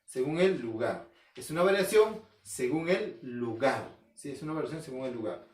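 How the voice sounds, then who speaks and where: A man's voice: mid-range voice, expressive, normal speed. A male teacher from Peru with an Arequipa accent gives a recorded class. He asks himself questions, answers them, repeats key terms and checks in with his listeners. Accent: Peruvian Spanish, Arequipa. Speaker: school language teacher. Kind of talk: recorded home-learning class. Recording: roomy echo, voice from far off the mic.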